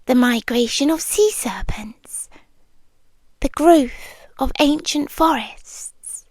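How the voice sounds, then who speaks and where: In a slow, intimate ASMR roleplay, a British-accented woman with a high voice plays an ancient, lonely monster girl who is tenderly, fondly obsessed. Her breathy delivery often slips into a whisper as she tells the story in a hushed, wistful, deliberate way with pauses, fully in character. The close, dry microphone yields clean studio sound.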